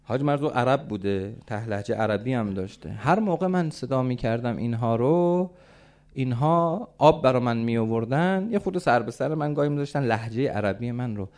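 A man's voice: mid-range voice, expressive. Dramatic male preacher telling a story. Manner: dramatic, swinging from soft to loud calls. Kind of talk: religious storytelling sermon.

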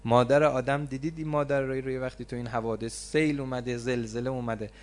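A man preaching a religious sermon, swinging between loud stressed phrases and low, slowly drawn-out words. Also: steady tone. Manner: stretches key words slowly for emphasis.

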